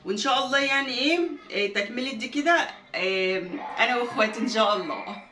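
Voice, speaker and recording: A woman's voice: a little high, fast, pushed and bright. A woman with an Egyptian Arabic accent in a home kitchen, chatting casually and directly to her viewers as a cooking vlogger. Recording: roomy, distant from the mic, faint background noise.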